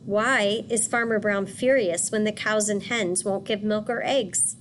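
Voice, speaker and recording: A woman teacher reading a picture book aloud and pausing to ask children questions. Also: mid-range voice, fairly even intonation, slight background noise. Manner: patient, asks questions for children.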